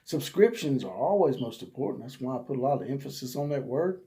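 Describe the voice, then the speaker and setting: A man's voice: mid-range voice, animated, brisk, mellow. A man hosting his own sports channel, ranting in a folksy, preacher-like way and drawing out words for emphasis. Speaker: sports vlog host. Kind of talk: casual rant in a preacher's manner.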